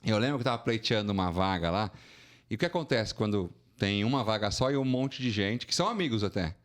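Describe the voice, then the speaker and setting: A fast talker in his forties from São Paulo, Brazil, a financial consulting entrepreneur, shares his career story as a podcast guest. The casual interview storytelling is animated and colloquial, in São Paulo-accented Brazilian Portuguese, with his pitch going up when he's indignant.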